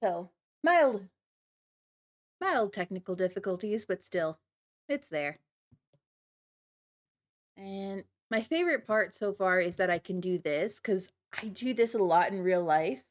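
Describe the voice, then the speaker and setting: A woman livestreamer chatting casually to viewers, with a giggly, apologetic and slightly nervous manner. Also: mid-range voice. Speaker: livestreamer, virtual avatar host.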